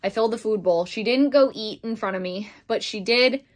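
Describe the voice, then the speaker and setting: Speaking fairly quickly in a voice on the high side, a daily vlogger chats casually in her video diary. She rambles and corrects herself as she goes.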